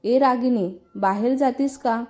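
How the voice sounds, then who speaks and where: A woman voicing a kind young woman who works at a bank, speaking gently in a storybook reading. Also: on the high side, unhurried, faint music behind, close to an everyday voice. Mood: friendly. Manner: gentle, apologetic.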